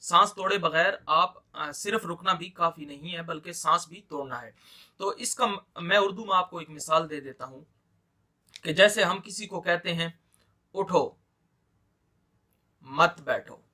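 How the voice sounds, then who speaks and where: A man's voice: high voice, normal speed, sharp tone. A man with an Urdu accent teaching Quran reading, explaining patiently and repeating points for emphasis. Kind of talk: explaining lesson.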